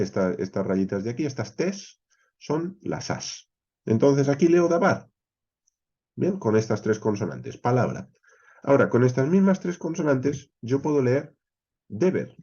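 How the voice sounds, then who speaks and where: A man from teaching a Bible class, explaining step by step, with frequent "eh" pauses, often checking in with "¿vale?" and "¿bien?". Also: mid-range voice, mellow, slightly rough, lo-fi sound. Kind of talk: expository Bible class lecture.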